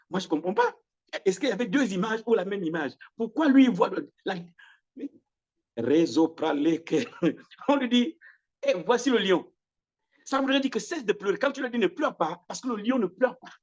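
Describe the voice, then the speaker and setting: A male preacher delivering a sermon with fervor, lifting his voice high and loud for emphasis and then dropping it low. He circles back over the same phrases and trips into quick restarts as he drives a point home. The sound is slightly dull, like a church broadcast. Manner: impassioned preaching with big swings in pitch and loudness; repeats phrases and restarts words.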